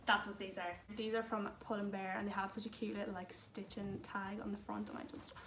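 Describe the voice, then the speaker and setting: A woman's voice: mid-range voice, flat delivery, brisk, a bit bright, distant mic. A young woman chatting casually through a clothing try-on haul, full of "like" fillers. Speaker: fashion vlogger. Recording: roomy echo, voice away from mic, faint noise.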